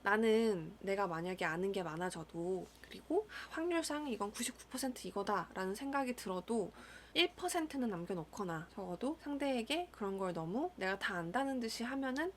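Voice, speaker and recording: A young adult woman, a school counselor, speaking in a calm, thoughtful monologue with occasional soft whispered asides. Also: mid-range voice, moderate pace, few pauses, a little hiss or hum. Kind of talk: reflective solo monologue.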